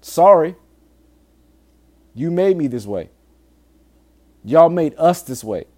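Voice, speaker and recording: Mellow-voiced man giving urgent, pleading warnings. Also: on the high side, animated, a little slow. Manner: informal, frequent swearing. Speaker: podcast host. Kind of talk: candid solo podcast monologue, casual talk.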